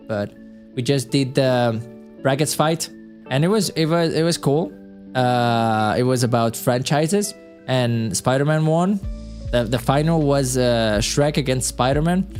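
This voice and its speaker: A man's voice: medium pitch, a little mellow. A tired man streaming live, chatting alone in a rambling, self-talking way. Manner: rambling, self-talking, frequent restarts and chuckles. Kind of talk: casual solo live-stream chat.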